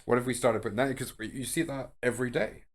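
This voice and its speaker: A man's voice: mid-range voice, steady tone, quick pace. A man hosting a casual podcast, musing aloud in a rambling, speculative way with frequent restarts and fillers. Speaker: podcast host. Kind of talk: casual chat.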